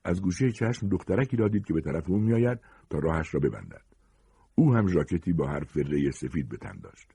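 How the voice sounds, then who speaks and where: A man reading a short story aloud with expressive, dramatic narration. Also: low voice, vocal fry, husky, no room sound.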